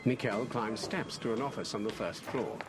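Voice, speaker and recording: A man reading scripted audio description for a film in a measured, descriptive way. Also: fairly low pitch, background noise.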